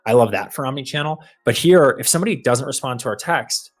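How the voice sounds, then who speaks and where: A man's voice: medium pitch, quick pace. A man co-hosting a live coding stream, casually talking through the demo he is building as he goes. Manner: thinks aloud while building, relaxed and meandering.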